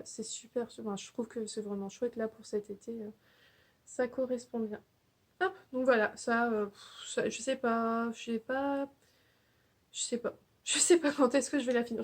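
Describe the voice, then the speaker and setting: A woman's voice: a little high, slightly rough. A young woman hosting a knitting podcast, chatting casually and hesitantly, with many fillers and restarts. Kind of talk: casual show-and-tell chat.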